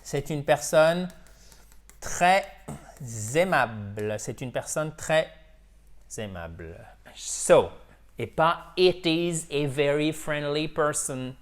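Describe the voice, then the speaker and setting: Slow, patient male language teacher. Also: on the high side, lively intonation. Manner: drills pronunciation, repeating words slowly and checking with "ok?"; switches between French and English. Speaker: English teacher. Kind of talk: video language lesson.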